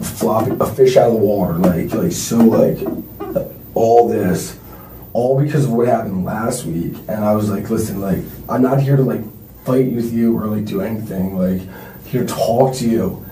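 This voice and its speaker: Low-voiced young man, halting and hesitant. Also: mellow. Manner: halting, filler-heavy, constantly says like. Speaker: suspect being questioned. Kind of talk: police interrogation. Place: police interview room. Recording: roomy distant recording with faint noise.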